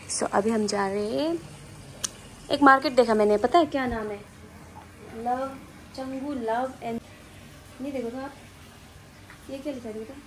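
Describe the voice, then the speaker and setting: A woman in her twenties with a fairly high voice films a travel vlog on a phone held at arm's length, starting in a hotel room and moving into a market. She's chatty and playful, exclaiming over things, and the low-quality recording carries a little hiss or hum.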